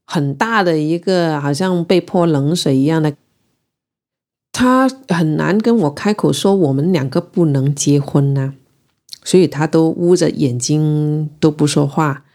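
Low, mellow woman from Guangzhou; reflective first-person storyteller. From Guangzhou, China. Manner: reflective, unhurried and emotional in recounting. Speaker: interviewee telling her own story.

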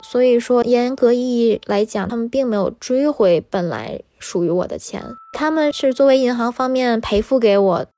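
A woman from China recounting a personal story in an animated, emotional way, with many fillers. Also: a little high, moderate pace, hardly any pauses.

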